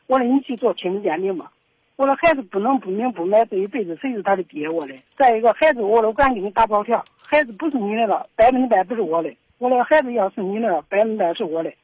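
Husky middle-aged woman on the phone. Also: fairly high pitch, quick pace, few pauses, no room sound. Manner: aggrieved, rambling with repeated restarts. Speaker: caller. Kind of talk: phone-in confession. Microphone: telephone. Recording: dull lo-fi phone line.

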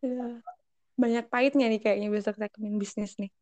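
Seorang perempuan berusia dua puluhan yang mengobrol santai sebagai pembawa podcast, suka menggoda dan sering tertawa. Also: female voice, mid-range voice, steady tone, moderate pace, a little mellow. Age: 20s. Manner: teasing, laughs often. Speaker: podcast co-host. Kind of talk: casual chat. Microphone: remote call.

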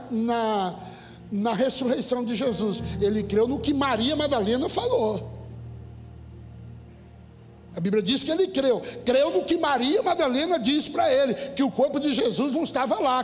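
A Brazilian man preaching as a pastor, emphatic and often rising to shouts while speaking directly to his congregation. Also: extremely high pitch, lively intonation, normal speed. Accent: Brazilian Portuguese. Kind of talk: sermon. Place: church. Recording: echoey hall with faint music.

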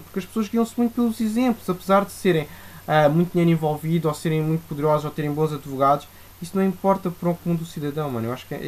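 A young adult with a European Portuguese accent co-hosting a podcast, giving opinions casually and insistently, rephrasing points as they go. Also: medium pitch. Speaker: podcast co-host.

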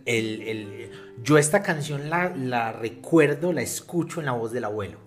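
A man in casual conversation with friends, speaking in a halting, emotional manner. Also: medium pitch, lively intonation, soft background music.

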